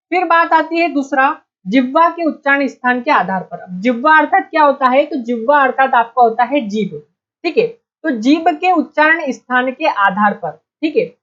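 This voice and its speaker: A woman's voice: high-pitched, highs cut off. A woman teaching an online exam-prep lesson, repeating key points and quizzing her students with questions she then answers herself.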